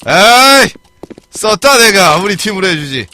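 A male game streamer with a high voice that swings widely as he talks his way through a match. He gets excitable and swears and yells at other players. Clear game noise and clicking run behind him. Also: moderate pace. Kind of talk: live gameplay commentary.

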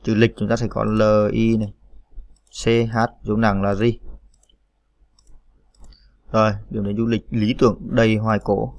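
A man's voice: fairly low pitch, flat delivery, moderate pace, creaky, pauses often, no echo. A man hosting a computer typing tutorial, spelling out keys letter by letter with frequent "à" fillers. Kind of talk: screen-recorded typing tutorial.

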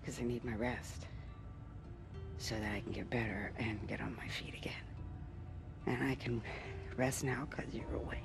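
Game elder: kindly, stubborn older woman, gravelly, folksy, music underneath. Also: a bass voice, steady tone, normal speed, long pauses. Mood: gentle, reassuring. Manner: folksy, teasing, reassuring. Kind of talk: video game cutscene acting.

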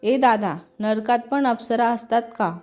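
A sharp-tongued young bride-to-be with a sarcastic comeback for everything, as a woman reading a storybook puts her on. The tone is warm and sits a little high. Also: fairly even intonation, measured pace, lightly acted. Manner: retorting, sarcastic.

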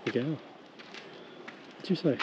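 Uneasy man exploring outdoors. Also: slow. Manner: hesitant, quietly uneasy. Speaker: urban explorer host. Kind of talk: casual walkaround chat. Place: outdoors at an abandoned industrial site. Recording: muffled outdoor camera audio with loud background noise.

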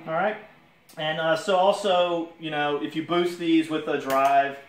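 A man's voice: a little high, distant mic. Man demoing guitars in a roomy home studio. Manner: relaxed, halting with many fillers. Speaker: guitar reviewer. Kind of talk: casual gear demo talk. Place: home music room with guitars and amps. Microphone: camera mic some distance away. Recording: roomy sound from off-mic. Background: electric guitar playing.

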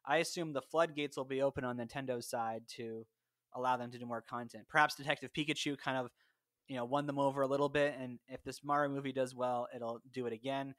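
A podcast host talks conversationally into a close personal mic on a remote recording. His medium-pitched voice is a bit bright, and the recording is dry.

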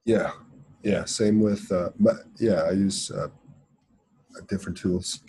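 A man speaking as a guest on a webinar video call, talking casually in a halting way with lots of "uh"s and restarts. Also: deep voice, fairly even intonation, warm tone, slight background noise. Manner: halting, many "uh" fillers and restarts. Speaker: guest freelance copywriter.

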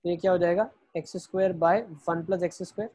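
A man's voice: sits high, level tone, quick pace, a little mellow. A man teaching math in an online lecture, explaining each step and answering his own questions as he goes, with English phrases mixed in.

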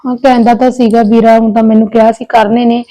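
A woman's voice: on the high side, level tone, fast talker, warm tone, close to an everyday voice, poor audio. A woman playing a childless elder daughter-in-law who pours out her worries in earnest, pleading runs in a village short film. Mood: worried, caring. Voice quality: earnest, pleading, talks in long complaining runs. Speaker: elder sister-in-law in a family drama. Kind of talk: village short-film acting, heartfelt chat.

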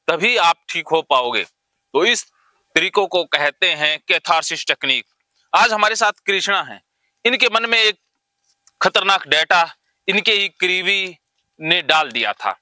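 A man's voice: sits high, sharp tone, dry recording. A male psychologist leading a client through a therapy exercise, talking in an urgent, commanding way and repeatedly calling out encouragement.

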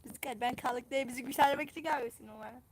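Excitable young woman streaming a game. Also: high voice, fast, slightly rough. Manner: excitable, repeats phrases over and over. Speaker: live streamer. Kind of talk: live gameplay commentary.

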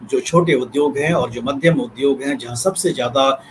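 A man in his forties, an editor, explaining policy on a video call from a book-lined study, measured and often pausing with fillers. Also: mid-range voice, slight background noise, rough recording. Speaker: newspaper editor, analyst. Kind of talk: news analysis commentary. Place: home study with bookshelves. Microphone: webcam, video call.

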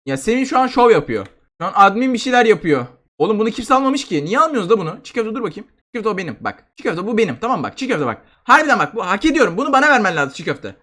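A young man giving excitable gameplay commentary as a gaming YouTuber, shouting and groaning at the game. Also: high-pitched, racing, few pauses.

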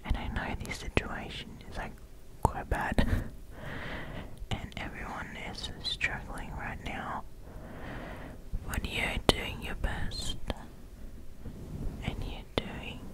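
A young woman delivers a whispered pep talk in ASMR style. Her voice is all breath, with no voiced tone, and extremely slow. She sounds reassuring and soothing, repeating small words, recorded very close on a desk microphone. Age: young adult. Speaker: ASMR host. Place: small indoor room. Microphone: close desk condenser mic with fluffy cover.

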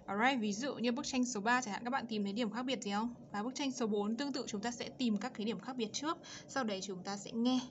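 A woman teacher explaining an English lesson for children, slowing down and stressing English words and their sounds. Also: fairly high pitch, lo-fi sound, a little hiss or hum.

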